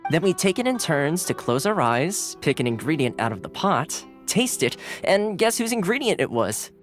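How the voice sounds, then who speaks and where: Soft music plays under this game audio as the actor voices a cheery young retainer, amiable, courteous and relaxed, yet playfully boastful. His fairly high voice swings widely in pitch at a normal speed.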